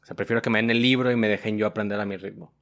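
A man's voice: lowish voice, fairly even intonation, racing, a bit bright. A man, a podcast guest talking in an easygoing, casual way and laughing often. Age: 20s. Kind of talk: casual interview chat.

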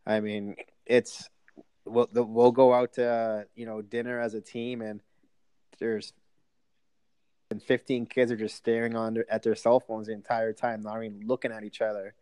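A man's voice: lowish voice, little pitch movement, moderate pace, mellow, clear, resonant tone, no room sound. A man who coaches youth hockey, chatting as a podcast guest in a rambling, joking way with lots of fillers. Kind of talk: casual podcast interview.

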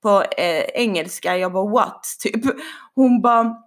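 A young woman telling a story casually, animated and swearing now and then. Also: medium pitch. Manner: animated, swearing, acts out quotes.

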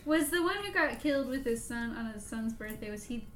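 A woman with a high voice co-hosts a casual podcast in a soft, hesitant way. Her voice rings in an echoey room. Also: animated, brisk, a little hiss or hum. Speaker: podcast co-host.

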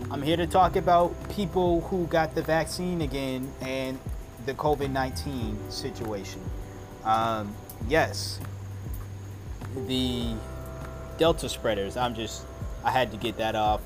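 Male podcast host, conversational and halting, mid-pitched voice, recorded outside among evening crickets. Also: over music. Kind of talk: casual solo podcast monologue. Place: outdoors. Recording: outdoor recording with background sound. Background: crickets at night-fall, outdoor ambience.

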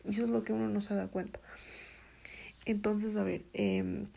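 A young woman in her twenties shares a personal story in a confessional vlog. Her voice is soft, hesitant, and often half-whispered, with a heavy vocal fry and a dark, mellow, breathy tone. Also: medium pitch, big pitch swings, normal speed. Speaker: vlogger.

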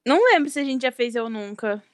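A woman's voice: on the high side, fast, smooth, dry recording, clean studio sound. A young woman co-hosting a podcast, chatting casually with lots of exclamations. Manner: exclamatory, animated. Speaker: podcast co-host. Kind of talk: casual chat.

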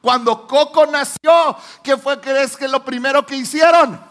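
A slightly slow Mexican man in his forties preaches as a pastor, dramatizing his stories and moving from booming declarations to hushed moments.

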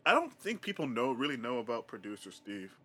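Lively, bright-voiced man chatting. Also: medium pitch, brisk, slightly rough. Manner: enthusiastic, slangy banter. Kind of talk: casual chat.

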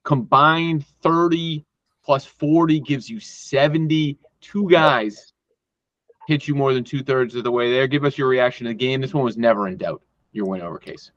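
A man's voice: medium pitch, normal speed, a bit bright, no room sound. A man hosting a casual chat among friends, running the segments and handing off questions to the others. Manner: hands off questions, runs the segments. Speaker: podcast host. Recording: dull lo-fi sound.

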